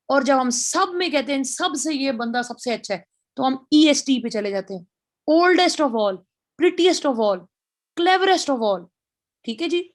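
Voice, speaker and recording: A woman with a Pakistani accent giving a grammar lecture, explaining step by step and spelling out English example sentences. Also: sits high. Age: middle-aged.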